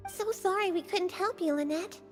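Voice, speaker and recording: A very high-voiced shy twin. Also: female voice, moderate pace, soft background music. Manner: very high, soft and hesitant. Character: eager, shy young woman staff twin. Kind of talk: video game dialogue.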